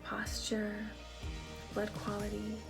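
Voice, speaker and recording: A woman guiding a slow breathing prayer in a soft, hushed, breathy delivery with long pauses. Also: medium pitch, completely flat delivery. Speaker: spiritual practice guide. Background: music.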